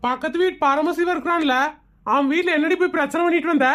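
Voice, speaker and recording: An exasperated cartoon husband, forever scolding his reckless wife, voiced by a woman. The voice is pitched very high for a man, and he nags in a weary, exasperated tone. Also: fast talker, a bit bright. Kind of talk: animated comedy cartoon voicing.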